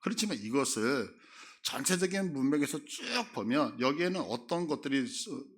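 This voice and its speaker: A man's voice: mid-range voice, lively intonation, normal speed, breathy edge. A middle-aged man preaching a sermon, acting out Bible figures' words with sudden rises in his voice. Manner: acts out Bible figures' words with a big rise in voice. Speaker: pastor.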